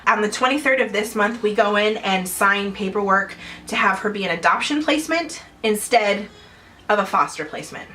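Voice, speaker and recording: A woman's voice: medium pitch, pushed and bright, a little hiss or hum, poor audio. A young adult woman vlogging at home in casual chat to camera, chatty and rambling with frequent small laughs.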